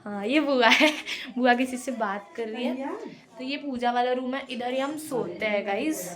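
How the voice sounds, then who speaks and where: A young woman with a fairly high voice chats playfully through a home tour vlog, talking to her viewers as she walks room to room. Family voices murmur around her phone mic. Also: moderate pace, a crowd in the background. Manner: chatty, playful, addressing viewers as guys. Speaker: vlogger. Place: family house, indoors and courtyard. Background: family members talking around her.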